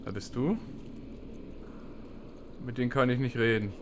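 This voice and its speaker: A man playing a video game, chatting casually and quietly reading the subtitles aloud. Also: fairly even intonation, measured pace, slight background noise. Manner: reads game subtitles aloud in a soft, low-key voice. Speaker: let's play gamer. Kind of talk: casual gameplay commentary. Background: game music.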